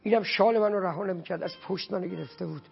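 A man's voice: high voice, creaky, breathy edge. A man from Iran telling an emotional religious anecdote and acting out the dialogue with feeling. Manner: heartfelt, acts out quoted dialogue. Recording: dull lo-fi sound with faint music.

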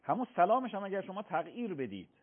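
A man's voice: high-pitched, sing-song, breathy edge. A man, a cleric, patiently explaining religious rulings on a radio call-in show, often affirming with repeated yeses. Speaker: cleric answering religious questions. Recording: phone-like radio broadcast sound.

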